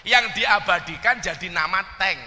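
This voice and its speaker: At a religious gathering, a Javanese-accented preacher jokes with his audience about regional dialects, addressing them directly with questions. He speaks at normal speed in a high, sharp-toned voice, and the hall has long reverb and faint background noise.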